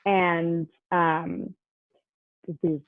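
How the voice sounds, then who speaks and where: A woman's voice: fairly low pitch, level tone, extremely slow, slight background noise. A young woman telling a personal story in a chatty way, full of "like" fillers and acted-out quotes. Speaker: guest. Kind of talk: casual storytelling. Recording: tinny phone-like line, dry.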